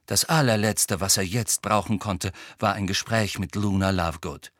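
A man narrating an audiobook in a measured, expressive way. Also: fairly low pitch, no room sound, clean studio sound.

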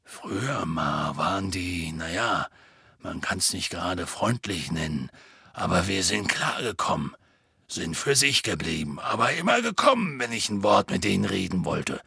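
A hulking, gruff half-giant groundskeeper, speaking slowly in a deep, grainy, husky rumble. His plain, folksy words come out with a sharp, bright edge. The sound is close and dry, like a storybook reading. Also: big pitch swings, no echo, exaggerated voice. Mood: grim gruff. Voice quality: gravelly, raspy. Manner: gruff, slow, folksy speech.

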